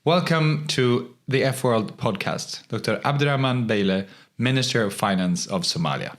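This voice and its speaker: A man's voice: medium pitch, animated. Formal male podcast host. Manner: measured and formal. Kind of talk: scripted intro and interview questions.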